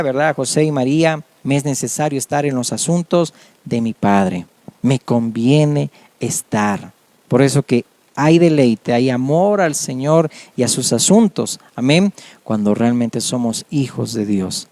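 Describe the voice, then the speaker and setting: A man preaching a sermon as a pastor, earnest and measured, often adding amen. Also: medium pitch, dark tone, no room sound.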